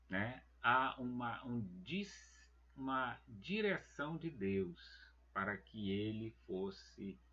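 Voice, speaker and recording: A man teaching a church Bible lesson, talking slowly and deliberately and calling his listeners beloved brethren. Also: medium pitch, fairly bright tone, slightly rough, muffled recording.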